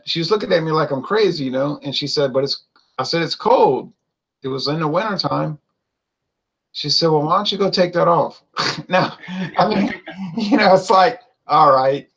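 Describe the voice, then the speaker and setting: A man's voice: on the high side, pushed and bright, rough recording. A man co-hosting a casual wine chat, rambling and opinionated, with lots of fillers and restarts. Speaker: wine show co-host.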